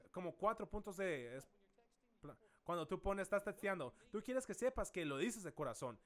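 A man pastor preaching a sermon in a church, dramatic, dropping soft and slow then rising to loud calls. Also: sits high.

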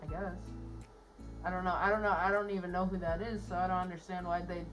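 A woman's voice: lowish voice, flat delivery, fast talker, fairly bright tone. A laid-back, giggly woman answering interview questions casually while muffled inside a costume head. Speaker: interviewee, fursuiter. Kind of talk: casual chat. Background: music.

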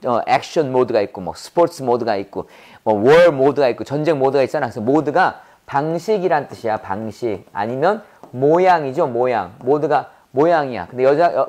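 A man teaching English vocabulary in a playful way, with quick asides and silly acted examples. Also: medium pitch. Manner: animated, drops into silly voices and sound effects to make words memorable.

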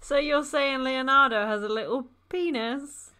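A woman's voice: sits high, measured pace, sharp tone. A woman co-hosting a comedy podcast in casual chat, laughing a lot. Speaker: podcast co-host.

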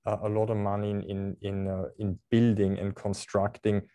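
Interviewed over a video call, an Austrian man representing a cruise company talks in a deep, dry, mellow voice that stays monotone at a normal speed. There's no room sound, and his delivery is hesitant, full of fillers and repeated words.

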